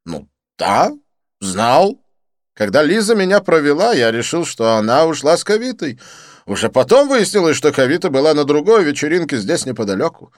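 A man voicing an excitable, theatrical, quick-tempered gossip in an audiobook, with a shrill, exclamatory, huffy delivery. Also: no echo, studio quality. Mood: effusive, gossipy. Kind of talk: audiobook character voice.

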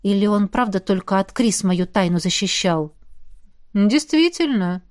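A woman narrating a novel in the first person, with a lively, expressive reading. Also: medium pitch, normal speed, no room sound, clean studio sound. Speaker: audiobook narrator.

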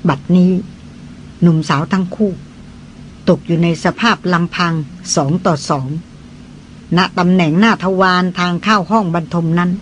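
A Thai audiobook reader narrating a novel in a measured, even manner. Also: mid-range voice, a little hiss or hum.

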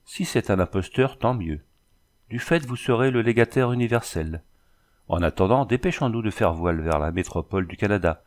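A man's voice: fairly low pitch, animated, normal speed, natural voice. A man reading a storybook voicing a scheming middle-aged ship captain who gives curt commands.

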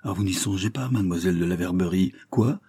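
Un homme jouant un vieux domestique indigné. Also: male voice, deep voice, fairly even intonation, brisk, darkish tone, husky. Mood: indignant. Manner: exclamatory, agitated scolding. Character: loyal, indignant old male servant.

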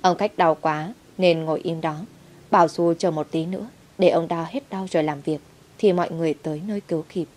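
A woman's voice: low-pitched, steady tone, brisk, a little mellow. A woman narrating a first-person story in a dramatic, heated way. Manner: dramatic, heated when quoting herself.

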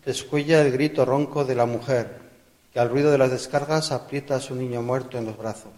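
A man's voice: medium pitch, steady tone, brisk, heavy background noise, natural voice. A man narrating literary scene descriptions for a radio drama. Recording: reverberant hall.

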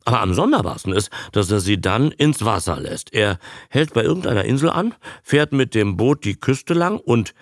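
A man's voice: fairly low pitch, expressive, normal speed, no echo, studio quality. A man reading a radio story, voicing a boastful, blustering Irish sailor telling a yarn. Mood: confiding.

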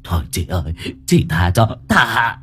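A man's voice: low-pitched, animated, moderate pace, husky, pitched below the performer's own voice, exaggerated voice. A man voicing a terrified old drunk village man in an audio story, stammering and pleading.

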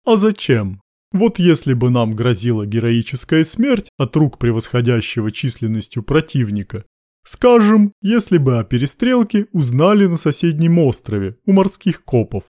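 A man's voice: medium pitch, sing-song, normal speed, dark tone, no room sound, close to an everyday voice. A man voicing a cool, commanding male major with dry irony in an audiobook. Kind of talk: audiobook narration.

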